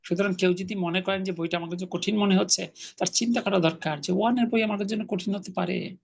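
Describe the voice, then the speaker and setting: Husky guy teaching arabic, patient, explains step by step. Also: high-pitched, fairly even intonation, brisk. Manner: patient, explanatory, corrects pronunciation. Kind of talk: online Quran Arabic class.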